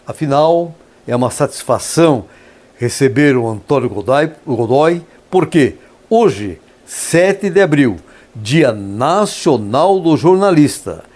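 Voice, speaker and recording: A man's voice: medium pitch, animated, slow, darkish tone. Formal, ceremonious male radio host. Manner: formal, ceremonious, flowery praise. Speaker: radio interview host, professor. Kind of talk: formal radio interview hosting. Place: radio studio.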